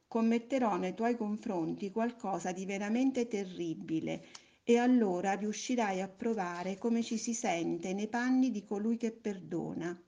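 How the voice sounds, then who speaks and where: A woman reading a storybook, voicing a kind, patient friendly soul that explains things calmly. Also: medium pitch, close to an everyday voice. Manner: calm, gentle, explaining.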